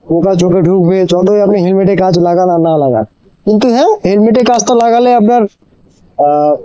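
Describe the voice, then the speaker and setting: A man with a high, soft-toned voice vlogs from his motorbike, talking inside a helmet. The sound is close and very dry, and he explains things casually to his viewers, often repeating himself for emphasis. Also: clean tone, no echo, lo-fi sound. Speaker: motorcycle vlogger. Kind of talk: casual riding vlog chat addressed to viewers. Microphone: moto vlogging helmet microphone.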